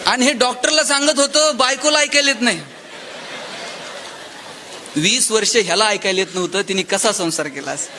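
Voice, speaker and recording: A man with a Marathi accent giving a motivational speech, telling stories and swinging between loud exclamations and soft, low asides. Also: normal speed, long pauses, noisy background. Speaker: motivational speaker.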